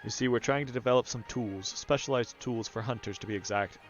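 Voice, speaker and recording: A man's voice: medium pitch, fairly quick, dull audio, close to an everyday voice. A man voicing a polite male botanical researcher, reading the game text aloud in a courteous manner. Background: game music.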